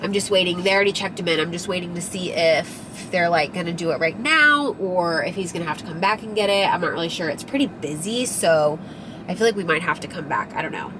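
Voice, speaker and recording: Still a little nasal from a recent cold, this young lifestyle vlogger talks fast in a lowish voice, rambling casually and filling gaps with ums and likes. There's noise in the background.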